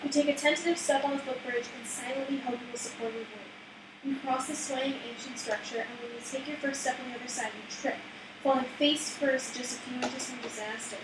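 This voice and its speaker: A woman's voice: sits high, steady tone, fairly quick. A woman reading a board game story aloud to her players, then chatting and laughing with them. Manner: reads narration, then chats and laughs with players. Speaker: game narrator. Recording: echoey room, distant mic, background noise.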